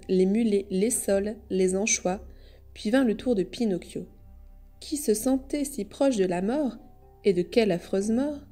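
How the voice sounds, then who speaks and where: A woman reading a classic children's story aloud in measured storyteller narration. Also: medium pitch, warm tone. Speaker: audiobook reader. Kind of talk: scripted narration.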